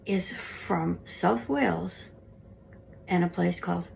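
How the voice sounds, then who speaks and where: A woman's voice: fairly low pitch, takes it slowly, creaky, darkish tone, slight background noise. A woman paranormal investigator narrating her ghost recordings in a conversational, earnest way. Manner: conversational, earnest, explaining clips.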